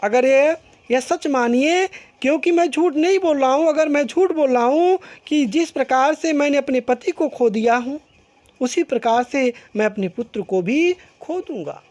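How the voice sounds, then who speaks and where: A woman teacher explaining a poem line by line, slowly rephrasing each point several times. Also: sits high, a little mellow. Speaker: school teacher.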